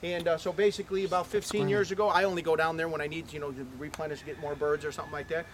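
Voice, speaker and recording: A man's voice: a little high, fairly even intonation, very fast. A man telling folksy stories to visitors while giving an outdoor tour of his animal ranch, chatty and full of "okay?" asides. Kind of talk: casual storytelling to visitors. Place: outdoors on a ranch near a barn.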